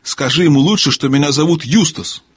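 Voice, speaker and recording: A man's voice: on the high side, a little fast, husky, no echo. A man voicing a polite young schoolboy. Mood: earnest.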